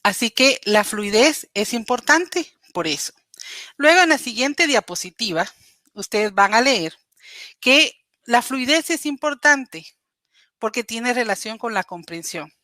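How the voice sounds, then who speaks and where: A woman's voice: a little high, lively intonation, a little slow, pushed and bright, dry recording. A woman giving a patient, explanatory slide lecture on teaching reading, speaking straight to her listeners with small hesitations. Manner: patient, explanatory, addresses listeners directly with frequent "eh" fillers. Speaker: literacy educator presenting. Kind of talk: recorded slide presentation lecture.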